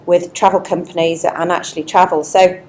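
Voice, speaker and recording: A woman's voice: lowish voice, level tone, brisk, darkish tone, slight background noise, poor audio. A woman from Leeds, a chief executive telling her career story in a chatty, self-deprecating way at an on-stage interview, speaking into a wireless mic. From Leeds, England. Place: indoor networking event. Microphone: wireless microphone.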